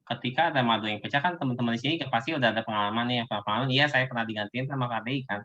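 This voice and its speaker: A man giving a casual sales coaching talk, lively, acting out sales pitches to his audience. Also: very fast, a little hiss or hum. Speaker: business presenter. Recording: dull lo-fi recording.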